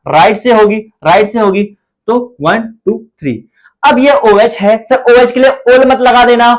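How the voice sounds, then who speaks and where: A high-pitched man with an Indian accent gives a chemistry lecture, captured in low-quality audio. He keeps repeating his questions to students before answering them himself, and at times counts aloud in a sing-song, playful way.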